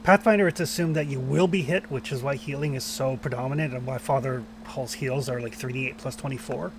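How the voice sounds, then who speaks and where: A man's voice: mid-range voice, brisk, noisy background. A man narrating and refereeing a tabletop roleplaying game as game master.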